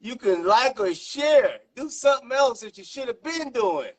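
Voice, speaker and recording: Speaking at a moderate pace in a very high, very animated voice, this interview host keeps the casual chat loose, slangy and laced with profanity. He's a man in his 50s from South Central Los Angeles, United States.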